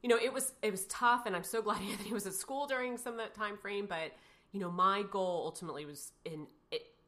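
Bright-toned woman telling a personal story. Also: mid-range voice, a little fast. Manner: emotional, rambling, many fillers and restarts. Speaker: guest.

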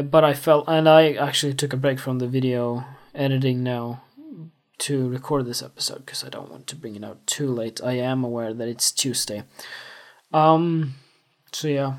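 Young male host, casual and self-reflective solo talk. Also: mid-range voice. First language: Swedish. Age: 20s. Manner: rambling, self-reflective, full of fillers. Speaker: podcast host.

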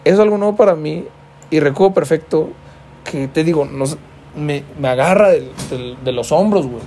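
A man's voice: a little high, moderate pace, warm tone, slight background noise. Slangy young Mexican man telling a story. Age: about 20. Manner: slangy and profane, peppers every line with güey. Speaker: podcast host. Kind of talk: comic storytelling monologue.

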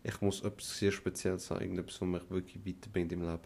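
Young dude on a podcast, lowish voice with lots of gravel, laid back and slangy. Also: male voice, level tone, fast, darkish tone. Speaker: podcast co-host. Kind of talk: casual chat.

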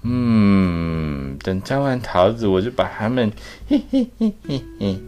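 A man voicing a shy male cat in a storybook who stammers softly and hides a scheming side. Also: on the low side, animated, takes it slowly, slight background noise. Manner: stammering, soft, bashful.

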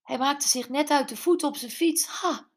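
A woman's voice: high voice, normal speed, pitched above the performer's own voice. A woman doing a blunt teasing best friend.

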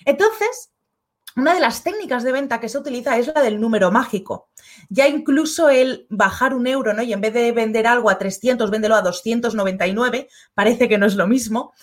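Lively woman with a Spain Spanish accent. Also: fairly high pitch. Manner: chatty, acts out little dialogues with shifting voices. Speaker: online course creator and live-stream host. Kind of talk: casual live-stream talk reading chat comments.

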